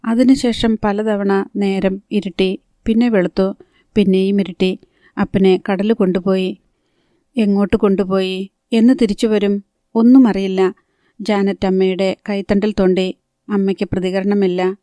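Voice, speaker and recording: A woman narrating a novel as an audiobook, in a steady, even storytelling read. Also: mid-range voice, unhurried, long pauses, no room sound, clean studio sound.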